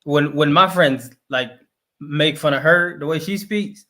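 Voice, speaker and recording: Brief: male guest from Kansas City, slightly high, bright voice, relaxed and reflective. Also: measured pace. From Kansas City, USA. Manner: reflective, laid-back, frequent "like". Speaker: guest, rapper. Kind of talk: casual chat.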